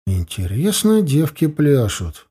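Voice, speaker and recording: A man's voice: on the high side, huge pitch swings, mellow, breathy edge, heavily acted. A man voicing a wry, restless teenage boy with an adult's mind in an audiobook. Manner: wry, fast talking when pleading.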